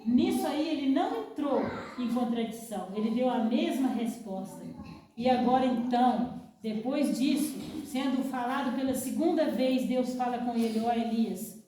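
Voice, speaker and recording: A fairly high, mellow-voiced woman tells a Bible story at a camp, acting it out and sinking to a hush for effect. Her voice comes from a distance in a very echoey hall, with faint noise behind it. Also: normal speed. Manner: dramatic, drops to a hush for effect. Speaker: Bible teacher at a women's camp. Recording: echoey room, voice from far off.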